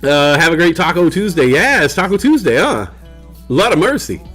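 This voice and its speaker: A man's voice: a little high, sing-song, fast, a bit bright, soft background music. A man hosting a livestream in a casual, rambling chat full of fillers, with the hiccups. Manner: laid-back, rambling with many fillers. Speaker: livestream host. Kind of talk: casual chat to stream viewers. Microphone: desk microphone.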